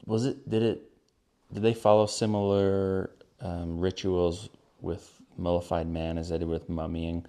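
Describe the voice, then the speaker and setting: A man's voice: low-pitched, little pitch movement, measured pace, mellow. A young man co-hosting a casual podcast, laid-back, mostly reacting with short remarks and questions. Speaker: podcast co-host. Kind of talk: casual chat.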